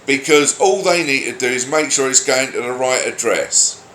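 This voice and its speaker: At a moderate pace and slightly bright, a mid-range male voice fires off a cranky, profane opinion rant off the cuff. He's an online commentator talking solo. The recording is echoey with faint noise behind it.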